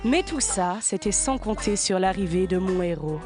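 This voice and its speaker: A woman's voice: mid-range voice, lively intonation, moderate pace, music in the background. A woman telling a scripted comic story in a theatrical, sarcastic way, with exasperated rants and crude slang. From Switzerland. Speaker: radio comedy columnist.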